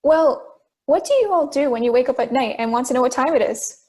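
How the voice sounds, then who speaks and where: In an audio drama, a young woman plays a calm, persistent juror. Her high voice carries a deliberate, questioning delivery that works through the reasoning step by step, and the mood is probing.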